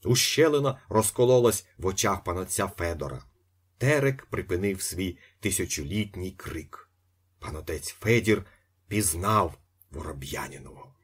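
A male audiobook reader telling a story expressively. His voice sits low and a little husky. He swings his pitch widely to colour the narration. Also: animated, normal speed. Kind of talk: scripted narration.

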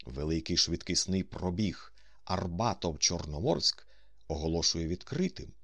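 Haughty schemer in an audiobook voiced by a deep-voiced man, commanding, lively delivery. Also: unhurried, dry recording, clean studio sound, exaggerated voice. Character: grand scheming male con man, adult.

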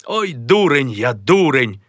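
A man's voice: mid-range voice, sing-song, slow pace, a bit bright, no room sound, clean studio sound, pitched above the performer's own voice, full character voice. A man voicing a rueful old uncle who mocks a family's new name and calls himself a fool. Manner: sardonic, self-reproaching.

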